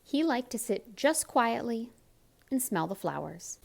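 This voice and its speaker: A woman's voice: a little high, sing-song, measured pace, vocal fry. A woman reading a children's story aloud expressively, with chatty asides and questions to the young listener. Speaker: picture-book reader.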